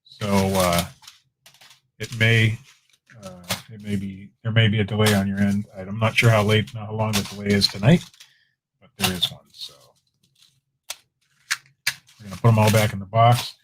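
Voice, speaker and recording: Chatty low-voiced man running an auction. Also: normal speed, long pauses, background noise. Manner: chatty, relaxed, talks to viewers in chat. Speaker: live-stream auctioneer. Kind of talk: casual live-stream auction patter.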